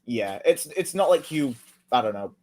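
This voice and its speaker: A man's voice: mid-range voice, animated, normal speed, a little mellow. Guy ranting over tweets, sarcastic and sassy, swears a ton, normal mid voice. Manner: sarcastic, heated, swears a lot. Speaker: commentary video host. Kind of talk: casual commentary reading tweets.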